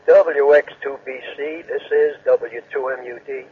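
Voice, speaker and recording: A man's voice: medium pitch, fairly even intonation, unhurried, heavy background noise. A man calling in to a radio net as an amateur operator, giving a check-in report over two-way radio. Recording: husky, muffled two-way radio transmission.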